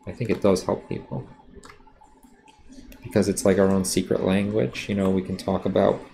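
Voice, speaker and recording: A man's voice: deep voice, flat delivery, normal speed, creaky, mellow, slight background noise. A man teaching drawing during a live stream, talking casually and bluntly with lots of fillers. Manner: self-aware about sounding defensive. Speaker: art teacher. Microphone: streaming setup while drawing.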